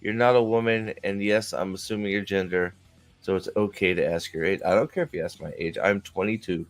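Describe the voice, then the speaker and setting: A forty-something man hosting his own stream, talking in a loose, joking ramble that keeps stalling on fillers and restarts. His voice sits a little low for a man, with faint music underneath. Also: fairly even intonation, a little fast. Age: 40s. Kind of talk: casual chat.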